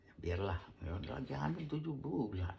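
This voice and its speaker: Gravelly man telling his testimony. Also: medium pitch, very animated, moderate pace, darkish tone, slight background noise. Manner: often drops to a near whisper; acts out quoted dialogue. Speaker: preacher giving a testimony. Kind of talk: personal testimony storytelling.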